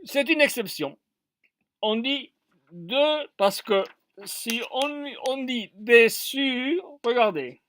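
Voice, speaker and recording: A woman's voice: fairly high pitch, expressive, slow, fairly bright tone. A woman teaching French spelling and accents to Spanish speakers, spelling out letters one by one and repeating words. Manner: switches to Spanish to explain. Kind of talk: classroom lesson.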